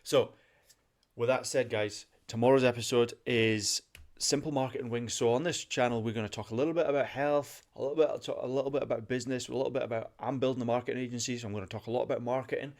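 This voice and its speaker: A man's voice: mid-range voice, a little mellow. A young man hosting a solo motivational podcast. He talks with passion, gets worked up and repeats his points for emphasis. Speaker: podcast host.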